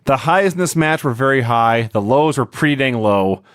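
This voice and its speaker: A man co-hosting a podcast, recapping in casual chat with a sarcastic, animated manner. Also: medium pitch, normal speed, smooth, dry recording, clean studio sound. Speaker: podcast co-host.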